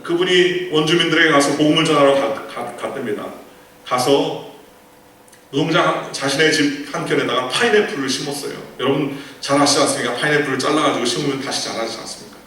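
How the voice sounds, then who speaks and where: A man's voice: on the high side, brisk, fairly bright tone. A male pastor preaching a sermon, telling a story with rhetorical questions and quoted lines. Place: large church sanctuary. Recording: echoey church hall from far off.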